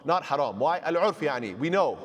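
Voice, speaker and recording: In a mosque hall, a man with a fairly high, sing-song voice teaches a relaxed Islamic law class at a brisk clip, and a long reverb tail trails his words. He drops in Arabic terms, cracks jokes on the side, and acts out little exchanges between people in a conversational way.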